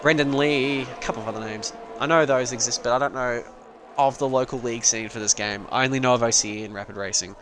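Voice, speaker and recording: A man's voice: medium pitch, steady tone, quick pace, a bit bright, a little hiss or hum. A young man giving loose, rambling live commentary on an online sim race, joking and swearing as he goes. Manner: casual, rambling, swears and laughs.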